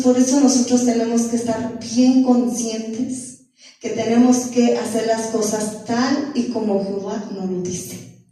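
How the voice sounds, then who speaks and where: A woman's voice: fairly high pitch, mellow. A woman preaching a sermon in a church, earnest, often repeating herself and asking the congregation questions. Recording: echoey church room from far off.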